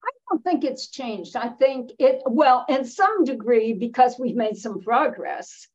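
An elderly American woman, seventies or older, speaking as an interview guest in a reflective, emphatic, deliberate way with pauses mid-sentence, on a slightly dull recording. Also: a little high, expressive, darkish tone. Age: 70s or older. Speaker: interview guest, veteran feminist activist.

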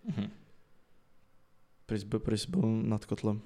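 Low mellow man asking prodding questions. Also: expressive. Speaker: podcast co-host. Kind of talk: casual football podcast chat.

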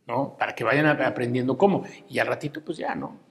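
A man's voice: mid-range voice, a little fast, creaky. A middle-aged man with a Mexican accent, a guest giving frank, fatherly advice in casual conversation. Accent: Mexican Spanish. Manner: frank, fatherly, full of filler tags.

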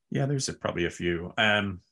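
A man's voice: fairly low pitch, pushed and bright. A man, a record label founder, telling long casual stories in an interview, full of fillers and asides. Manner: rambling anecdotes with frequent fillers and laughs.

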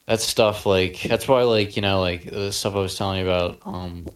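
A man's voice: sits low, steady tone, moderate pace. A young man co-hosting a podcast, rambling and hesitant, his voice cracking now and then. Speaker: podcast co-host. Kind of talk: casual chat.

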